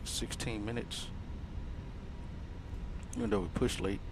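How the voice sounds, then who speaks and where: A man's voice: lowish voice, fairly even intonation, slow pace, creaky. A man speaking as an airline pilot in a cockpit, mixing short clipped procedural callouts with laid-back casual remarks over aircraft drone. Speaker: airline pilot in a flight simulator. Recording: noisy cockpit hum behind voice.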